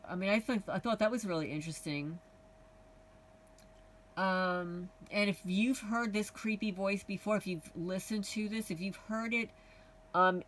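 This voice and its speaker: Woman, Kentucky accent, casual home vlog, lowish voice, rambling with ums. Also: far from the mic, low-quality recording. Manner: chatty, rambling, many ums and restarts. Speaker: homesteading channel vlogger. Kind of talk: casual vlog talk to viewers.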